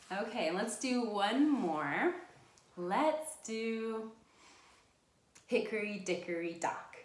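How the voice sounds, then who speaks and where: A woman with a high voice hosts a children's library storytime in an echoey room. She speaks simply and encouragingly, as if addressing young children.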